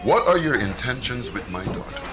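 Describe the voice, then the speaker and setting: A man's voice: medium pitch, very animated, normal speed, over music, lightly acted. An actor playing a middle-aged father in a domestic drama, stern and protective of his grown daughter. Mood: firm.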